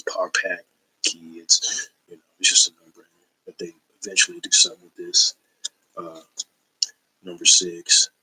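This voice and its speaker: This comic collector's haul video has him rambling casually, full of slang and filler words in a laid-back way as he shows his finds. His voice is deep, pushed and bright, slightly rough, and the audio is poor.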